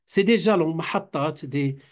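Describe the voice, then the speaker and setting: Teaching students in a classroom at an Islamic institute, a man gives a lecture in French, though Arabic is his first language. He speaks haltingly, full of fillers and restarts, dropping in Arabic phrases, and his voice is a little high for a man.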